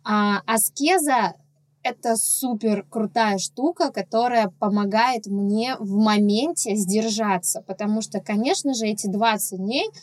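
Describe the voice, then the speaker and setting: A woman's voice: medium pitch, measured pace, a little mellow, no room sound. A woman blogger talking candidly and earnestly about her own experience in a casual podcast conversation.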